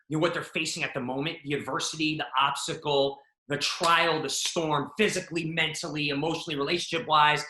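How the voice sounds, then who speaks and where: A man's voice: fairly high pitch, sharp tone, echoey room. A man hosting a podcast interview, giving earnest motivational commentary with emphatic lists. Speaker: podcast host.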